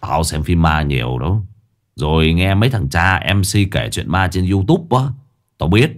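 Man doing a gruff crude older guy, low rough voice, blunt, storytelling ghost tale. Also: lively intonation, normal speed.

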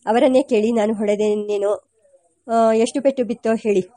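A woman voicing a humble, gentle village violin teacher, a man who speaks politely and explains patiently. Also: on the high side, fairly even intonation, fairly quick, close to an everyday voice. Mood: humble, explaining.

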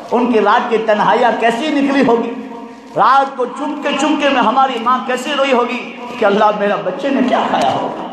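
High-voiced man preaching in echoey hall. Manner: emotive, questions the audience and calls for replies. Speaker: preacher addressing madrasa students. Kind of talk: emotional Islamic sermon. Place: madrasa hall. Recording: echoey hall with crowd of students. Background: listening students.

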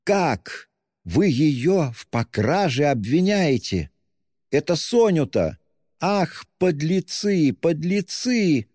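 A man's voice: a little high, sing-song, slow, darkish tone, studio quality, pitched above the performer's own voice, exaggerated voice. A man voicing a frantic, shrieking older woman who hurls insults in desperate fury. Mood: outraged. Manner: screaming, hurling insults. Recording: long hall reverb.

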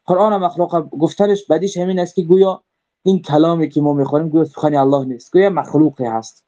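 A religious teacher with a Tajik Persian accent lectures on creed, explaining step by step, rephrasing again and again, and often pausing with hesitant fillers. His voice is a little high and warm. The recording is dull and lo-fi.

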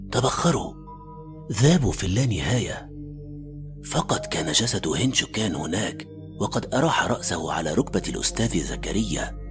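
A man playing an anxious, analytical male doctor who narrates a radio horror story in a suspenseful, formal literary manner. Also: fairly low pitch. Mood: bewildered. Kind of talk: dramatic first-person radio story narration. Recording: faint music under the voice. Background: faint background music.

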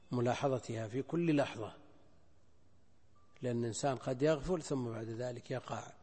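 A man's voice: medium pitch, darkish tone, slightly rough. Older man teaching in a reverberant hall. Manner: deliberate, repeats phrases and weighs options aloud. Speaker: Islamic scholar teaching hadith. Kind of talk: recorded lecture explaining a hadith text. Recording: lecture hall with long reverb.

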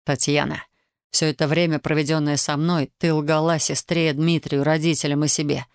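A woman reading the part of an intense young soldier who speaks in a low, pressing, brooding way. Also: flat delivery, moderate pace, smooth, no room sound, clean studio sound. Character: young man, ardent soldier, intense and bitter.

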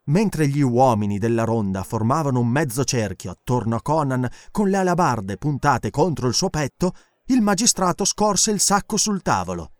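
A male audiobook narrator telling an adventure story with lively, animated delivery. His pitch sits in the middle and rises and falls widely to build the action. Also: normal speed, few pauses, dry recording.

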